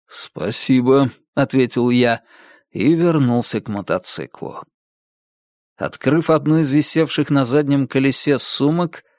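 A man reading a dark first-person story as an audiobook narrator, in a measured storytelling manner. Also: mid-range voice, dry recording, studio quality.

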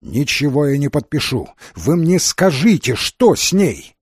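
A man's voice: on the high side, sing-song, measured pace, breathy edge, no room sound, studio quality, pitched above the performer's own voice, exaggerated voice. A man reading the part of a tense, defiant young husband who speaks in a curt, insistent way.

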